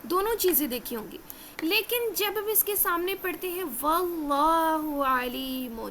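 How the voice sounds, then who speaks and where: Earnest woman teacher, high voice, repeats and slows for emphasis, slight hiss under the recording. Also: sharp tone. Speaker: Quran recitation teacher. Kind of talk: religious lesson.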